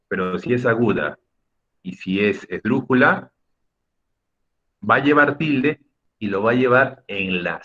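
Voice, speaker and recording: A man's voice: fairly low pitch, fairly bright tone, lo-fi sound. A man teaching an online class, explaining patiently, repeating key points and checking in with his students. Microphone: video call.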